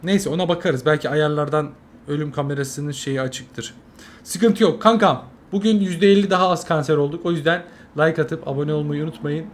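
A young man, a mobile game streamer, giving live gameplay commentary, swearing constantly and swinging from angry yelling to low muttering. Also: normal speed. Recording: noisy game audio behind.

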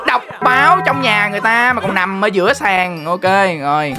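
A young woman, hosting a gaming channel with excited, exclamatory running commentary on the game. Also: medium pitch, normal speed. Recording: faint game music behind.

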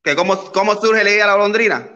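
A man's voice: sits high, fast, bright, forceful tone, muffled recording. A man voicing a brash, flirty single Cuban woman in her late twenties, with a Cuban accent and a boastful, playful manner over a video call. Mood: sassy.

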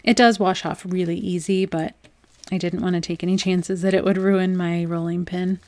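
A young adult woman hosting a home crafts channel, talking through a project in a relaxed, chatty voice-over with frequent "um"s. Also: fairly low pitch, moderate pace, no echo. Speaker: DIY crafts channel host. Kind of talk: casual voice-over tutorial.

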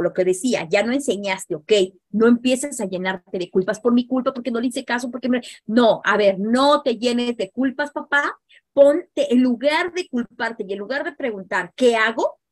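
A woman's voice: a little high, dry recording. A middle-aged woman with a Mexican accent, speaking as a psychologist guest in an interview, animatedly explaining to parents. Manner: animated, acts out parents and teens in quoted asides.

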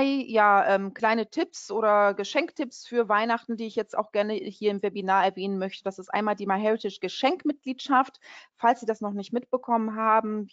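A Portuguese woman with a mid-range voice hosts a casual online webinar presentation, friendly and chatty, with many fillers and restarts. The recording has no echo but sounds lo-fi.

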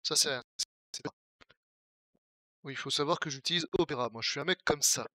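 A man's voice: fairly high pitch, fairly quick, sharp tone, no echo, studio quality. Chatty young Parisian man streaming games. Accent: Parisian French. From Paris region, France. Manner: chatty, joking, reads and answers chat. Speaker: Twitch streamer. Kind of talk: casual live-stream game commentary.

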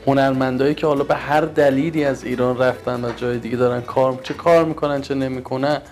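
A man's voice: mid-range voice, steady tone, darkish tone, soft background music. A man interviewing a guest with direct, probing questions.

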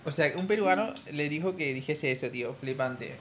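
A man's voice: on the high side, lively intonation, normal speed, fairly bright tone, a little hiss or hum. A young man from Spain with a Spanish accent, chatting casually with his viewers on a live stream. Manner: chatty, addresses chat as tío.

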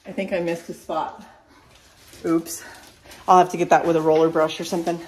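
A woman's voice: on the low side, flat delivery, moderate pace. A tired woman chatting casually to camera as she shows rooms of her house under renovation. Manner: chatty, showing things to camera. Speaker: vlogger. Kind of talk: casual home renovation vlog.

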